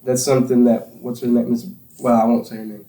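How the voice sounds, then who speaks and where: A man's voice: medium pitch, level tone, quick pace, mellow, echoey room, poor audio. A young man from Tennessee, hosting a casual chat with friends, rambling through stories and laughing often. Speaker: podcast host.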